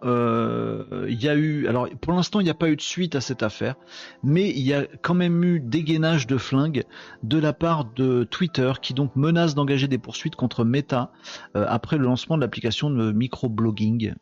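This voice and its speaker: A man's voice: mid-range voice, vocal fry, muffled recording. A man hosting a live online show, chatting casually and mocking himself with lots of fillers. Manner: joking, self-mocking, chatty with many fillers. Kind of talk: casual live-stream chat.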